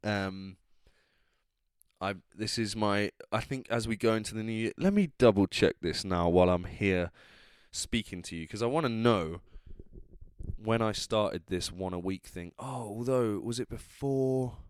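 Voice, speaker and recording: Male podcaster, English accent, drunk and rambling, lowish smooth voice, casual solo chat. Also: a little slow, no room sound, clean studio sound. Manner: rambling, trailing off, self-interrupting. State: drunk, tipsy. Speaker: podcast host.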